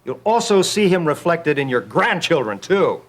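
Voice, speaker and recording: An actor playing a cold, scheming brother who talks in a cool, cutting way. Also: male voice, fairly high pitch, big pitch swings, moderate pace. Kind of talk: soap opera acting.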